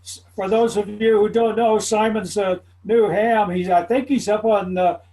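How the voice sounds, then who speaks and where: A man's voice: high voice, steady tone, moderate pace, mellow. A man chatting casually with a group on a video call. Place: online video meeting.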